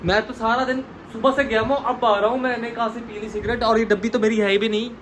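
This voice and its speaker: A young man, loudly accusing and scolding during a prank at home. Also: very high voice, little pitch movement, quick pace, a little hiss or hum. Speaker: vlogger, husband in a prank. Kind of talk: prank vlog confrontation. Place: home bedroom, indoors.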